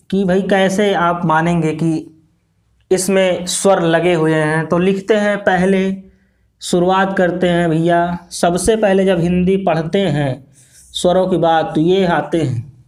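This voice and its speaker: A man from India with an Indian accent teaching a grammar lesson, repeating phrases slowly as he writes and asking and answering his own questions. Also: sits high, steady tone. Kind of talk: classroom grammar lesson at a board.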